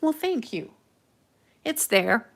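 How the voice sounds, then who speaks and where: This middle-aged woman from the Netherlands, speaking with a Dutch accent, hosts a live craft tutorial and muses slowly with viewers through many ums. Her voice is on the high side, sing-song and creaky, over a noisy background.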